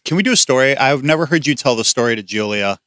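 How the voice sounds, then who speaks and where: A man's voice: mid-range voice, expressive, a bit bright, no echo, studio quality. A man hosting a radio show, telling stories and correcting his co-hosts in casual chat. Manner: fast-talking storyteller, correcting others. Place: radio studio.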